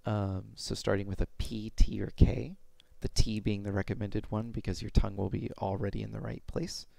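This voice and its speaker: Low, creaky young man teaching. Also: little pitch movement, moderate pace, mellow. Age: young adult. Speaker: pronunciation teacher. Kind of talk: informal instructional explanation with demonstrated sounds. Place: small room at home. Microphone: headset.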